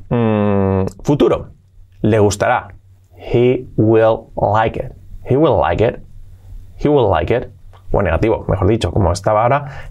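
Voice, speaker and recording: A man from Spain with a Spanish accent, teaching English pronunciation and repeating phrases slowly for drilling. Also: mid-range voice. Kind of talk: pronunciation lesson.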